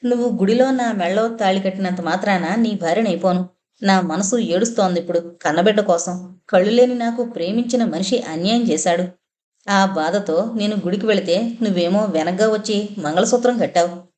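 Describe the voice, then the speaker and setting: A woman's voice: medium pitch, moderate pace, a little mellow, lightly acted. A woman voicing a grieving, torn young blind woman in an audiobook novel, with a tearful, pleading delivery. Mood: anguished.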